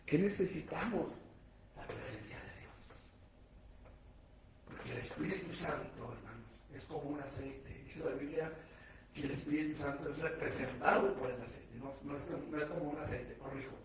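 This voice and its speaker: A man preaching a sermon as pastor. He swings between loud shouting and hushed, low speech, and mixes in everyday jokes and direct questions to the congregation. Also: moderate pace. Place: church sanctuary. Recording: echoey church room, distant mic, faint noise.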